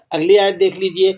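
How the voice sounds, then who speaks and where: A man teaching Quran recitation rules in a patient lesson, asking questions and then answering them, and repeating phrases for learners to echo. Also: fairly high pitch. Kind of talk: tajweed lesson.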